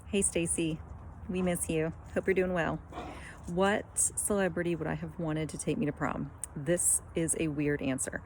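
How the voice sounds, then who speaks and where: A woman's voice: deep voice, fairly even intonation, moderate pace, a little mellow, a little hiss or hum. A woman leaving a candid, self-deprecating video message for a friend.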